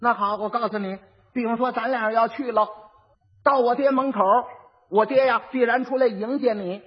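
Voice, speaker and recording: A man's voice: extremely high pitch, steady tone, moderate pace, slightly rough. A man voicing a clever, exasperated young bride who lectures and instructs, on a dull old recording with long reverb. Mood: instructing. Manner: scolding, instructive.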